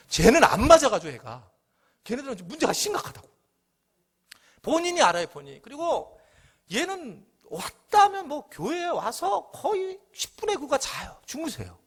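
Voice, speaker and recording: A man's voice: very high voice, fairly bright tone, breathy edge. A middle-aged man preaching a midweek sermon as pastor, acting out his listeners' worries in their own voices.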